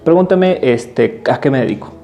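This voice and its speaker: A man teaching an English lesson in Spanish, patiently repeating example phrases slowly and clearly. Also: mid-range voice, expressive, dark tone, faint music behind. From Mexico.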